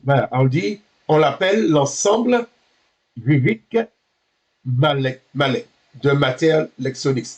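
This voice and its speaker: A man teaching a beginner Hebrew class, halting and correcting himself, patiently checking that his students understand. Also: a little high, darkish tone, lo-fi sound.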